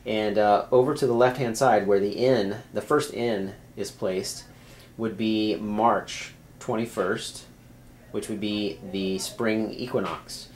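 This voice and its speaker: A man with a somewhat low voice talks casually to his viewers, pausing often and restarting his sentences. A faint hiss of noise sits under the recording. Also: fairly even intonation, a little mellow. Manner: hesitant, many fillers and restarts. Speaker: video creator explaining symbols. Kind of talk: casual explanatory monologue.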